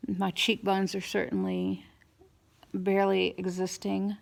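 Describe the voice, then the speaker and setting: Weary after dental surgery, a woman gives a casual, halting personal update in a slightly hoarse voice, her speech a little impeded by a swollen mouth and new teeth. Her pitch is medium and her delivery flat.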